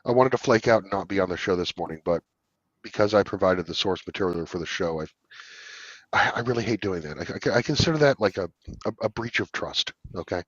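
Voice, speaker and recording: A middle-aged American man who sounds hungover and sluggish as he chats casually on a talk show. His voice is husky and on the low side. The recording is lo-fi, with an echoey room around him. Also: expressive, a little fast. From United States. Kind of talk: casual opinionated chat. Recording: dull lo-fi mic with room echo.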